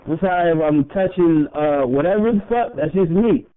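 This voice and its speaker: High-voiced man rambling on a tinny line. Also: animated, normal speed. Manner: rambling, profane, laughs often. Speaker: podcast co-host. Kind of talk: casual chat. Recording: tinny phone-like audio.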